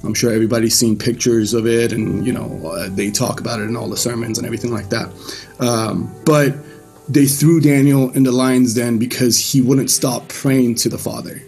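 A man from Iran giving his personal faith testimony to a church group in a casual, loose way, with frequent pauses and restarts. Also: mid-range voice, steady tone, gravelly, darkish tone, faint music behind.

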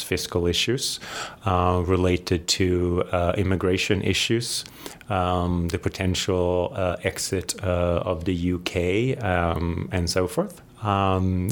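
Deep-voiced man, halting and measured. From Sweden. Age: 40s. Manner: measured, hesitant, many fillers and restarts. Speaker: guest academic. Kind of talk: interview answers.

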